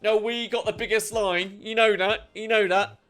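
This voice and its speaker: A man's voice: high-pitched, fairly even intonation, normal speed, fairly bright tone, voice pushed up. A man hamming up a pushy, chummy phone salesman. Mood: boastful. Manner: hammy, pushy, fake-friendly. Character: overeager chummy male phone sales agent.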